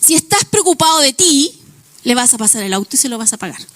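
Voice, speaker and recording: A woman's voice: sits high, very animated, a little fast, fairly bright tone, dry recording. A woman pastor preaching a sermon, illustrating points with everyday examples and acted-out quotes.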